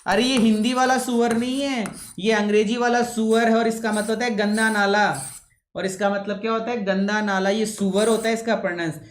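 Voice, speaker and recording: A man teaching English vocabulary in a classroom lecture, pausing often to ask his students whether they have understood, and deliberately slowing his usually fast speech. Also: sits high, level tone. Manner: keeps checking with students, calls them son. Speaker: English teacher for exam coaching. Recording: echoey room.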